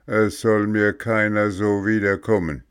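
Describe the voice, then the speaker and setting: A man voicing a gruff, bearded puppet-theatre director who speaks curtly in a storybook reading. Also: fairly low pitch, little pitch movement, a little slow, no room sound, studio quality, lightly acted. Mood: softened. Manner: gruff, curt, then gentler.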